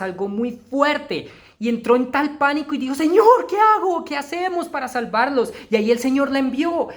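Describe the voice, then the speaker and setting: A preacher giving a sermon, swinging between loud emphatic lines and hushed, low ones.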